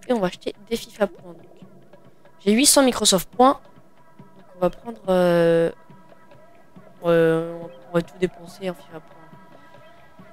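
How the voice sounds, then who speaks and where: A man giving casual gaming commentary while opening packs, hesitant and full of fillers and restarts. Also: high voice. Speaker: gaming video creator.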